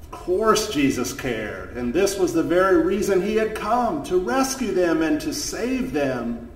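A man, a pastor, telling a story at a children's chapel service, lively in the tale and soft and gentle in the prayers. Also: sits high, unhurried. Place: church chapel. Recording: echoey room, voice from far off the mic.

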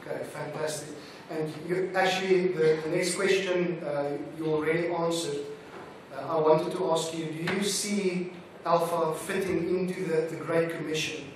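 A man's voice: fairly high pitch, steady tone, normal speed, a little hiss or hum. A man interviewing a guest over a call, asking short questions and giving brief encouraging replies. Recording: echoey distant call audio.

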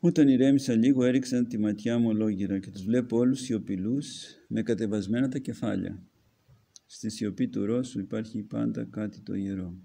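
A man's voice: on the low side, gravelly, warm tone. A man, an Orthodox archimandrite, reads a book aloud as a homily and breaks off to add his own comments. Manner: reads narrative then pauses to comment.

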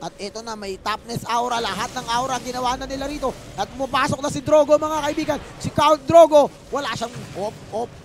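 Filipino guy commentating a game live, joking around, high raspy fry voice, bit of background noise. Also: fast, few pauses. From Philippines. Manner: joking, playful, mixes English phrases, bursts into excited yells. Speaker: esports commentator.

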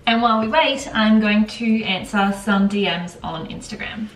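At home, moving between kitchen and living room, a woman vlogs casually about health straight to camera. She speaks at a moderate pace in a mid-range voice, with soft music underneath, a roomy echo, and clear background noise.

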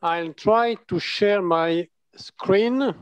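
A man's voice: high voice, clean tone. French-accented man presenting over a call. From France. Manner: halting, self-correcting, searching for words. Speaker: surgeon presenting a case. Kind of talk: conference presentation. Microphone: video call. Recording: dull lo-fi video call audio.

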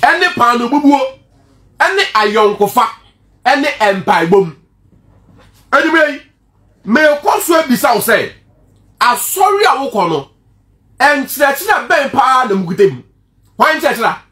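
A man with a Ghanaian accent preaching a sermon, lively and full of rhetorical questions, mixing two languages. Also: very high voice, measured pace, pauses often, reverberant. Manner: animated preaching, switching between Twi and English, rhetorical questions.

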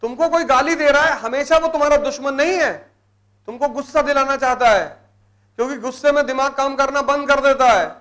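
A man's voice: very high voice, fairly quick, a bit bright. A man with a North Indian Hindi accent giving a motivational classroom lecture to exam students, emphatic and repeating his key words. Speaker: civil services exam teacher. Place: live classroom session.

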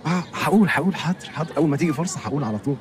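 A man's voice: on the high side, lively intonation, racing, noisy background, natural voice. An actor playing a lonely overweight young man, nervous and polite, talking in flustered comic patter in a film comedy. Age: young adult.

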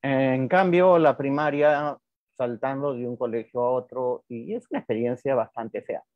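A man's voice: medium pitch, steady tone, moderate pace, no room sound. A male psychotherapist answering interview questions in a frank, reflective way, repeating words for emphasis. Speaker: psychotherapist guest. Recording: dry, dull lo-fi sound.

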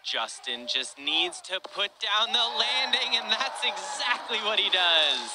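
A man's voice: high voice, sing-song, unhurried, very noisy. A man giving live sports color commentary as an expert analyst, breaking down technique with enthusiasm.

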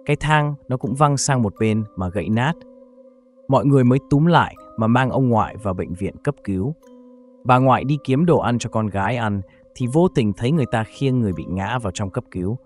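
A man narrating a scripted horror story in a steady storytelling delivery. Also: mid-range voice.

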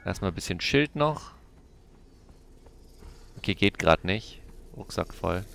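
A man's voice: low voice, animated, takes it slowly, creaky, fairly bright tone, slight background noise. A man commentating his own video game play, chatting to himself and his viewers with frequent exclamations and curses. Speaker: gaming YouTuber.

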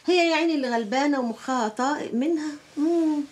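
An actress playing a calm, coaxing visiting woman in an Egyptian TV drama. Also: high-pitched, fast, lightly acted.

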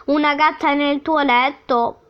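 A woman's voice: high-pitched, steady tone, a little slow. A woman doing a grumbling father bear. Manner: growling, grumbling. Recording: dull lo-fi recording.

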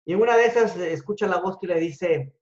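Man with a somewhat high voice giving an animated motivational talk to a room, recorded echoey and muffled. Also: fairly quick. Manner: animated, shifts between loud and hushed. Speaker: speaker at a business talk. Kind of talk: motivational storytelling to an audience. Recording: echoey room, dull lo-fi sound.

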